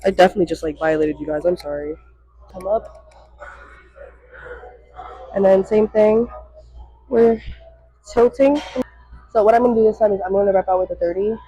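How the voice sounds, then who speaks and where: A woman's voice: medium pitch, normal speed, long pauses, mellow, slightly rough, dry recording. A woman giving casual, chatty exercise instruction as a fitness vlogger, rambling and self-deprecating while exerting herself. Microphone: worn microphone. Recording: dull, slightly muffled audio.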